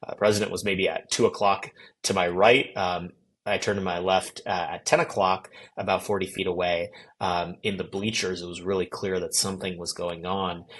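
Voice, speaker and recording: A man giving an eyewitness account in an interview, speaking in a measured, reflective and articulate way. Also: deep voice, level tone, a bit bright, slightly rough. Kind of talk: recounting events in an interview.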